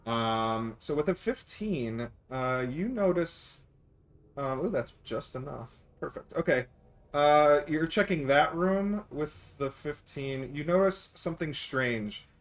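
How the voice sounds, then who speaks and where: A man's voice: a little high, animated, slow pace. A man acting as game master, narrating a tabletop game casually and often thinking aloud with some hesitation.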